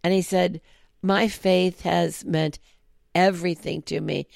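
A woman's voice: on the low side, little pitch movement, slow, creaky, a little mellow. A woman co-hosting a casual podcast, agreeing often and retelling stories. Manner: lots of agreeing backchannels, storytelling. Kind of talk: casual chat.

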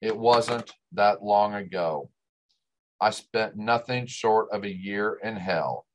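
Male storyteller, lowish voice, West Texas twang and drawl, delivering a scripted first-person monologue. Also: slow pace, a little hiss or hum. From West Texas, United States.

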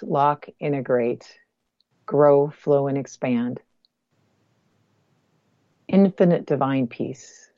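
A woman leading a spoken guided meditation as a guest healer, speaking softly and close to the ear in deliberate, measured phrases with pauses. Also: rumbling low, no echo, dull audio.

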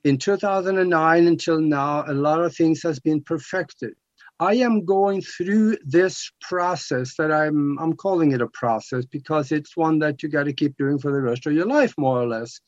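A Norwegian man in his seventies explains things emphatically as a guest on talk radio. His Norwegian-accented voice is fairly high-pitched and moderately paced, and the lo-fi audio sounds dull but has no echo.

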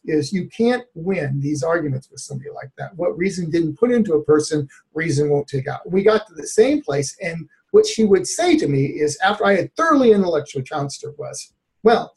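A man, a therapist by trade, tells a personal story as a guest in an interview. His voice sits a bit high with a gravelly fry running through it, and he keeps the telling lively with frequent laughs. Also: a little fast, few pauses. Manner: animated, laughs often while telling stories.

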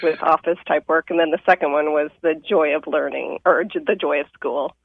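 A woman from Kansas calling in to a radio show over a phone line, friendly and quick to laugh. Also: sits low, steady tone, no room sound. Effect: heard over a phone line. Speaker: caller. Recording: dull, dry phone line.

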